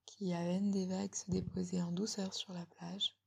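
A woman giving a slow, soothing guided relaxation in a breathy ASMR whisper, very close, as if right in the listener's ear. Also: lowish voice, little pitch movement. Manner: slow, soothing, gently instructing.

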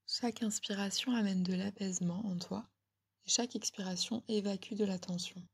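A woman giving a slow, soothing guided relaxation in a breathy ASMR whisper, very close, as if right in the listener's ear. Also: mid-range voice, fairly even intonation. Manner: slow, soothing, gently instructing.

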